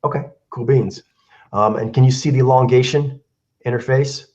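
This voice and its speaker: A man hosting a casual video-call chat, his voice slightly hoarse from a cold. He talks in a loose, rambling way, full of fillers. The recording sounds a little dull. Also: medium pitch, steady tone, moderate pace, darkish tone. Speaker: host.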